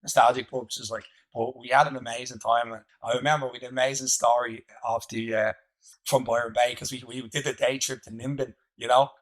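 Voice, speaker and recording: A man's voice: medium pitch, level tone, fairly quick, low-quality recording. An Irish man, a guest musician, telling a long anecdote casually, rambling with lots of fillers and laughing as he goes. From Ireland. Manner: rambling, laughs through stories, many fillers. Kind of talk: casual storytelling.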